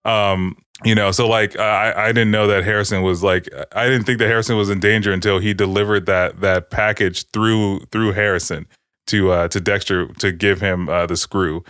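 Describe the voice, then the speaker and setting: Podcast co-host, male, lower register, loose and profane storytelling, dry booth. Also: fairly even intonation, moderate pace, fairly bright tone, clean tone, no echo. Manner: profane, rambling TV recap. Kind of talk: casual podcast chat.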